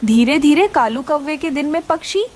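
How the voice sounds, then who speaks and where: Reading from a script, this female narrator tells a children's story at an ordinary speed, her voice bright and pitched high.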